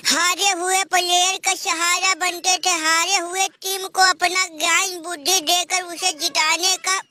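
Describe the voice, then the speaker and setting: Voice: very high-pitched, pushed and bright. A cartoon comedy voice, wailing and scolding in a melodramatic mock lament.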